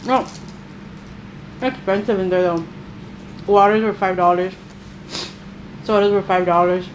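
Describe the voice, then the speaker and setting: A woman's voice: medium pitch, fairly even intonation, a little slow, rough recording. Chatty middle-aged woman vlogger, mouth full and chewing as she rambles, noticeable room noise behind. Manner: rambling, chatty, with many fillers. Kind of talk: casual eating-show chat.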